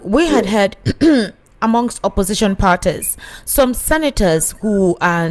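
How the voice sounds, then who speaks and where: A woman hosting a radio show, explaining political news in a measured way. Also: on the low side. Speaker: radio host.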